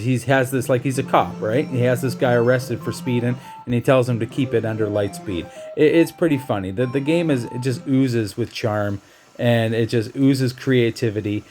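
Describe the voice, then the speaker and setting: A man casually talking through a video game walkthrough in a chatty way, with restarts and slang. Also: medium pitch. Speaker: gameplay walkthrough narrator.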